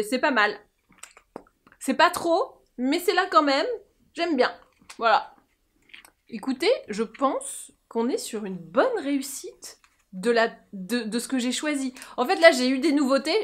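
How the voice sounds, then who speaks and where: A woman chatting casually through a make-up tutorial, joking and filling pauses as she talks. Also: high voice, a bit bright. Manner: chatty, jokey, lots of fillers and laughs. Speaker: beauty vlogger.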